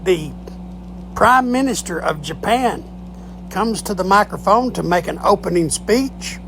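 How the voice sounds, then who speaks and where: Brief: unhurried joke teller who acts out punchlines, gravelly voice at a middle pitch. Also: expressive, background noise. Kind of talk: telling jokes.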